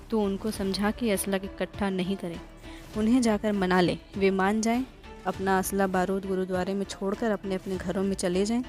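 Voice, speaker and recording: A woman voicing a hostile, fat male village butcher in an audiobook, talking roughly and scoldingly. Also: medium pitch, a little mellow, lightly acted.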